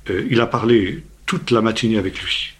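A male preacher recounting a story from the pulpit, with a somewhat low voice. He often pauses and restarts mid-phrase. He slips into the voices of the people he quotes as he tells it. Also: expressive. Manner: halting, many hesitations and restarts; acts out quoted speech. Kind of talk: sermon storytelling.

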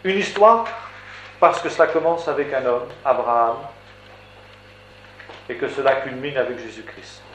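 A man's voice: mid-range voice, unhurried, long pauses, fairly bright tone. Male preacher, emphatic and rhetorical, stacks repeated phrases; echoey room, faint hiss. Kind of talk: sermon teaching.

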